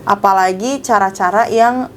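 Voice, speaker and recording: A woman's voice: mid-range voice, normal speed, a little hiss or hum. A young woman, a pageant titleholder, chatting casually as a guest, giggling often and filling her talk with little fillers. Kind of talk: casual chat.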